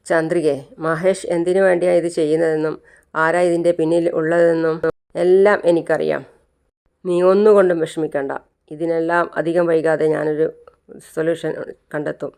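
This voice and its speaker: The narrator voicing a kind uncle-like man who asks gentle, coaxing questions, in a clear voice. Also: on the high side, level tone, normal speed.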